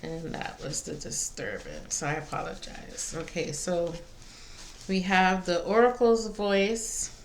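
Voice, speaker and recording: A woman giving a casual spiritual card reading to viewers, pausing between phrases. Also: fairly low pitch, animated. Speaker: tarot and oracle card reader. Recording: faint background noise.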